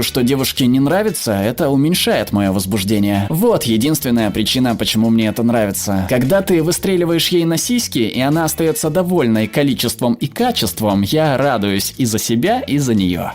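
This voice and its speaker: A man's voice: medium pitch, lively intonation, a little fast, few pauses, soft background music. A man reading viewer comments aloud as scripted narration, voicing the quoted people as he goes.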